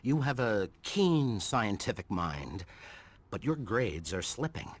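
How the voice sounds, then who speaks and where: An actor playing a stern, exasperated middle-aged science professor, lecturing in a game cutscene. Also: male voice, on the low side, very animated, slow, husky, full character voice. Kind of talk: scripted game cutscene dialogue.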